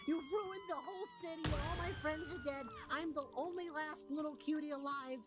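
A woman's voice: high-pitched, moderate pace, close to an everyday voice. A woman voicing a tiny, overly emotional cutie creature who greets visitors to her town, in video game dialogue with a sweet, cutesy, melodramatic manner. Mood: panicked wailing. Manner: sweet, cutesy, melodramatic, swings into wailing despair. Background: game music.

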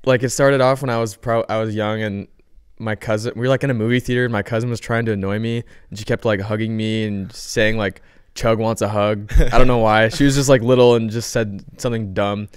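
A man's voice: lowish voice, fairly even intonation, brisk, clear, resonant tone, no echo, clean studio sound. A young man from the Seattle area, telling a story in a laid-back, casual podcast chat. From Seattle area, USA. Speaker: podcast co-host.

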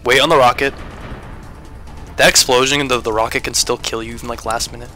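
A man's voice: mid-range voice, fairly even intonation, quick pace, bright, forceful tone, faint music behind. A man giving live commentary on his own speedrun, swearing and muttering to himself as he plays. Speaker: speedrunner streaming a run.

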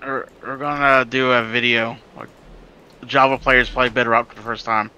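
A man's voice: medium pitch, flat delivery, normal speed, bright, forceful tone, clear, resonant tone, dull audio. A young man in casual, crude banter with friends while playing a game online. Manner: loose, crude joking banter. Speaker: gaming group member. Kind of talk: casual gaming chat.

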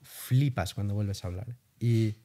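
A young Spanish guest in a relaxed interview describes his travels with animated storytelling and casual swearing. His voice sits on the low side, and he speaks at a measured pace.

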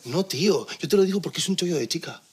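A pushy, husky young matchmaker. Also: male voice, on the high side, animated, quick pace, darkish tone. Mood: eager. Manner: eager, pushy. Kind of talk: sitcom acting.

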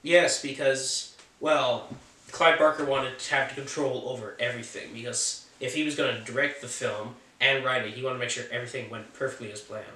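Casual male film reviewer, opinionated and joking, middle pitch, roomy distant sound. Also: normal speed, pushed and bright. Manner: chatty and opinionated, with offhand jokes.

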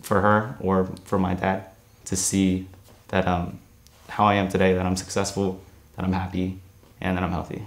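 A seventeen-year-old young man speaks in a studio interview, his voice sitting low. He answers earnestly and reflectively, often pausing with "um" as he gathers his thoughts. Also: monotone. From born in Korea, raised in New Jersey. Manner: earnest, many "um" pauses. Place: studio against grey backdrop.

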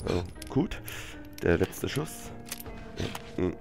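A young man with a cold, deep-voiced and sing-song, drags out his words with vocal fry as he hosts a let's play series. His gaming commentary is casual and slangy, full of muttering and swearing, picked up on a headset mic over game music and gunfire.

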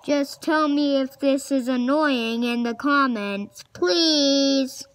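A young woman chatting casually while playing a video game, excitable and chatty, shouting at opponents now and then. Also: high-pitched, slow. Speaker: gamer. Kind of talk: casual gameplay commentary.

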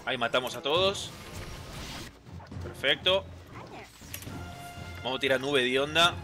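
Excitable Rioplatense man, bright tone. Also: mid-range voice, unhurried, soft background music. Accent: Rioplatense Spanish. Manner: chatty, excitable, reads game text aloud, answers chat. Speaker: gameplay streamer. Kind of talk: casual gameplay commentary.

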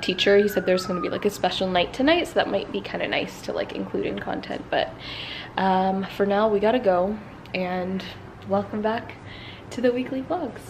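A woman's voice: mid-range voice, noisy background. Chatty young woman vlogging to camera. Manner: chatty, upbeat, says "like" a lot. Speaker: lifestyle vlogger. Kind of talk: casual vlog chat to camera. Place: home and a large warehouse showroom, indoors. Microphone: handheld camera at arm's length.

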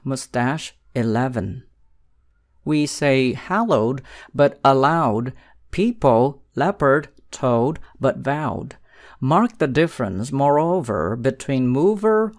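A reader reciting a poem slowly, pausing on each word in a deliberate delivery. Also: medium pitch. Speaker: poetry reader.

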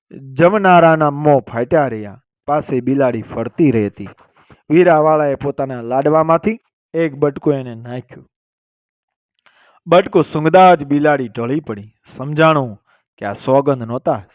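A man reading a folk tale aloud as a storyteller, in steady, dramatic narration. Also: mid-range voice, dry recording. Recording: dull lo-fi and dry.

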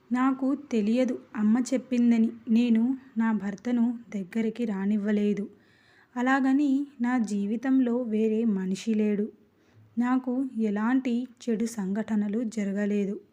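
A woman narrating a first-person life story in a steady, earnest storytelling manner. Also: a little high, muffled recording.

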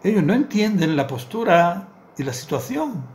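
Speaking in a high-pitched, darkish voice at normal speed, this middle-aged rabbi is very animated as he teaches Torah from a small study with bookshelves. His desk webcam captures him earnestly telling a parable and repeating words to stress them.

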